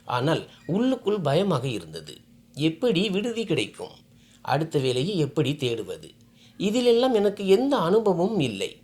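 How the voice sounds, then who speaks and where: Woman storyteller, first-person narration, heartfelt, expressive, lively pitch.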